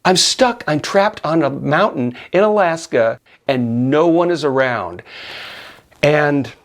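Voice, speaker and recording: Middle-aged guy telling a story, lively pitch that jumps all over, keeps laughing. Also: slow. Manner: animated, laughs often, acts out his own yelling. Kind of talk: casual personal storytelling.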